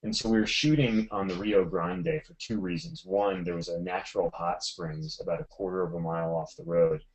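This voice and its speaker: A middle-aged man telling stories from his work as a photographer in a casual webinar chat, animated and full of fillers and restarts. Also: low-pitched, normal speed, rough recording. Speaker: photographer guest.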